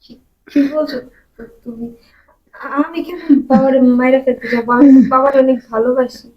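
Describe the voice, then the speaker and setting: A woman's voice: high-pitched, moderate pace, dull audio, heavy background noise, lightly acted. A young woman, playing a scheming, cruel wife who taunts her old father-in-law. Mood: pleading. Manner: sneering, taunting. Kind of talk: melodramatic short-film acting.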